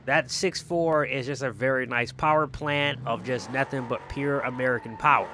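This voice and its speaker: Here the gaming host talks at a normal pace in a sharp, medium-pitched voice with fairly even intonation, against slight background noise. His casual roleplay commentary on video game cars is enthusiastic, with frequent repeated phrases for emphasis.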